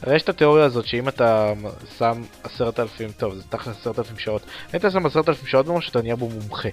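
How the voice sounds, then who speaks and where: A man's voice: mid-range voice, soft background music. A man co-hosting a casual gaming podcast who teases and jokes in banter. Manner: teasing, joking banter. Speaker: podcast co-host.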